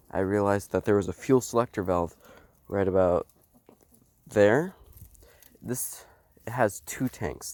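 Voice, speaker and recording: Slow, low-voiced young man full of ums. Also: a little mellow. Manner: halting, filled with ums. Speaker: homesteading vlogger. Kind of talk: casual how-to explanation. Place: outdoors beside a truck. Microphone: phone held while filming.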